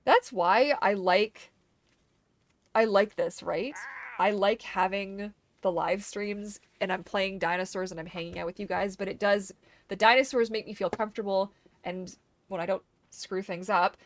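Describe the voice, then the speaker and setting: Young woman, casual live-stream host; heartfelt, swears, laughs easily; mid pitch, dry mic. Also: no room sound. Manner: emotional, swears freely, laughs often.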